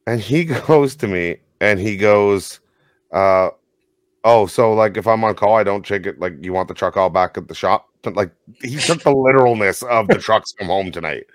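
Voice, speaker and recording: A man's voice: fairly low pitch, normal speed, no echo, studio quality. A man in his thirties co-hosting a casual podcast, telling stories and laughing often. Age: 30s. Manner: animated storyteller, laughs often. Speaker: podcast co-host, tow operator. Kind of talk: casual chat.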